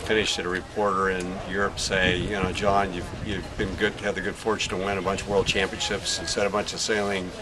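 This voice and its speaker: A man's voice: deep voice, flat delivery, a little fast, hardly any pauses. Chatty middle-aged man, noisy outdoors. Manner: chatty storytelling with many fillers. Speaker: sailor and father of a young racer. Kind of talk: casual outdoor interview.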